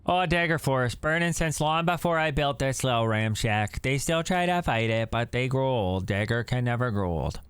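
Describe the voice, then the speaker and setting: A man's voice: medium pitch, lively intonation, moderate pace, few pauses, fairly bright tone, clear, resonant tone, dry recording, voice pushed up, close to an everyday voice. A man voicing a folksy old backwoods man with a put-on Canadian accent, drawling as he reads game text aloud.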